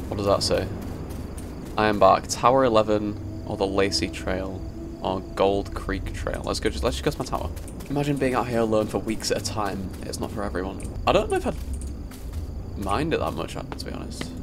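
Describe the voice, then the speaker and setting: A man's voice: fairly low pitch, a little fast, background noise. A young man playing a horror game, swearing, jumping at scares and reading the game's text aloud. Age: young adult. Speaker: gaming YouTuber. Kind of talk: horror game let's play commentary.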